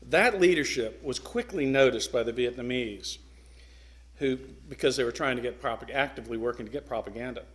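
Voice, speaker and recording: A middle-aged man giving an earnest, emphatic speech to a club, pausing for effect and sometimes restarting his sentences. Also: mid-range voice, fairly bright tone. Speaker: guest speaker.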